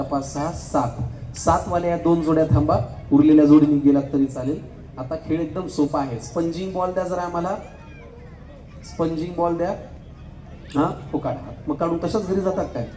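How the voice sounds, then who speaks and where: High-voiced joking man hosting a stage game. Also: dark tone. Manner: joking, rapid counting aloud. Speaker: game show host. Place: event hall stage. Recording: echoey hall, faint crowd murmur.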